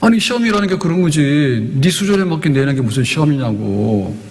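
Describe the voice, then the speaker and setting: A middle-aged male pastor preaching a sermon, animated and conversational, acting out the voices in the stories he tells. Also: fairly high pitch. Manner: breaks into slow hymn singing. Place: church sanctuary. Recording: long church hall reverb.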